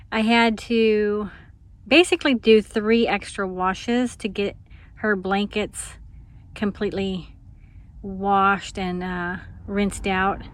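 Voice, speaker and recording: A woman vlogging casually outdoors in a small town, rambling through a story with lots of ums and laughs, sometimes dropping to a hushed voice. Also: mid-range voice.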